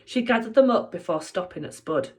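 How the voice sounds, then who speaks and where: Expressive woman reading a children's book. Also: mid-range voice, fairly quick, slightly rough. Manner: expressive, playful storytelling. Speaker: teacher.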